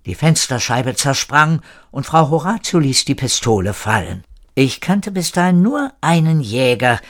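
A man narrates an audio drama story to a listener. His pitch swings widely as he tells it, keeping the telling lively. The voice sits at a middling pitch for a man. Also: unhurried.

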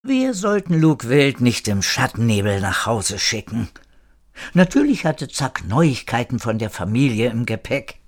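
A man narrating a story with a lively storytelling manner. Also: mid-range voice, measured pace.

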